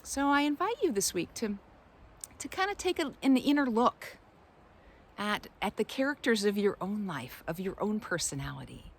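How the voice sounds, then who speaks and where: At medium pitch with big swings up and down, a woman delivers an improvised, thoughtful inspirational talk as a spiritual guide. She regularly halts mid-phrase to find what she wants to say.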